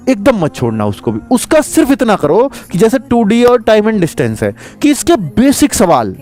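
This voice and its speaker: A man's voice: high voice, dark tone. A man coaching exam students, talking to them directly and emphatically and calling them kids. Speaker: exam prep teacher. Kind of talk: spoken exam advice to students.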